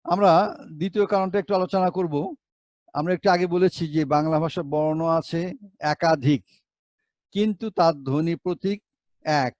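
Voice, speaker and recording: A man's voice: a little high, moderate pace, pauses often, darkish tone, no echo. A male teacher giving a Bengali pronunciation lesson, spelling words out letter by letter and asking rhetorical questions.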